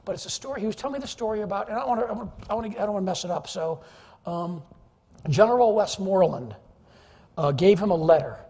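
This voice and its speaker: Male keynote speaker, high and husky voice, jokey and animated, echoing conference hall. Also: quick pace. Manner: animated, jokey, teases the audience. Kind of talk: energetic, humorous business presentation. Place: large conference hall, live audience.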